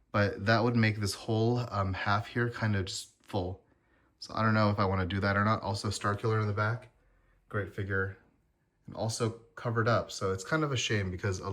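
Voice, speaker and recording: Low-voiced man rambling through his collection. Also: fairly bright tone. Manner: rambling, self-correcting, chatty with frequent ums. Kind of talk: casual vlog walkthrough.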